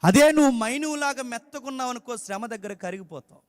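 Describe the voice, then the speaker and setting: Man, preacher, emphatic sermon, fairly high voice, close dry mic with long hall echo. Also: fast talker. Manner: emphatic, questioning the congregation. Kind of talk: Telugu sermon.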